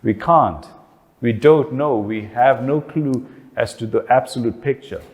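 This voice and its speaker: A man with a South African accent talks to an audience about family life. His voice is mid-pitched and he keeps posing questions that he then answers himself. The sound carries a long hall reverb. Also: measured pace. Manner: animated, asks himself questions and answers them. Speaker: speaker. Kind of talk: talk on family relationships.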